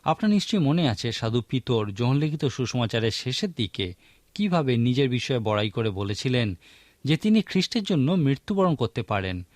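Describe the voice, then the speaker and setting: A man's voice: medium pitch, very animated, normal speed, no echo. A man preaching a sermon in an earnest teaching manner, asking rhetorical questions.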